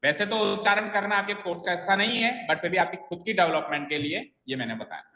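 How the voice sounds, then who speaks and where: Bright-voiced male teacher in an echoey classroom. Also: high voice, fast talker. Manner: explains step by step, quizzing students with questions. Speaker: English teacher. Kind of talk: classroom grammar lesson. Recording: echoey classroom with long reverb.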